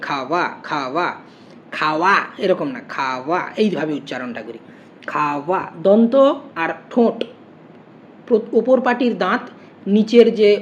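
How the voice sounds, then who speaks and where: This woman's medium-pitched, slightly mellow voice guides listeners through grammar one step at a time in an online lesson, raising questions and then answering them. The recording is lo-fi and muffled, with a bit of faint noise.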